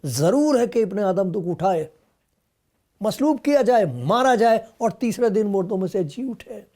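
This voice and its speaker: A male pastor with a high, warm voice and lively intonation preaches a sermon, retelling scripture as a story. He acts out the exchanges between Jesus and Peter, sometimes bursting into emphatic outbursts.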